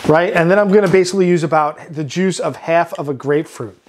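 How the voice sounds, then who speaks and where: A chef with a Long Island accent hosting a cooking demonstration, relaxed, often ending points with "right?". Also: male voice, a little high, fast. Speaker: chef and host.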